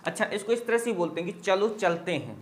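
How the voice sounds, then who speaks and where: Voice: medium pitch, lively intonation, a little hiss or hum. A teacher giving a spoken language lesson, drilling phrase after phrase with patient repetition and answering their own questions along the way. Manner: slow patient drilling, repeating each phrase. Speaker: English teacher.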